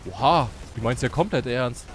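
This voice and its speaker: A man's voice: medium pitch, normal speed. A man giving joking Let's Play commentary, playacting a lazy beer-bellied Thor and exclaiming often, with game music behind him. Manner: excitable, frequent "oh, oh" exclamations. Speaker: gaming YouTuber.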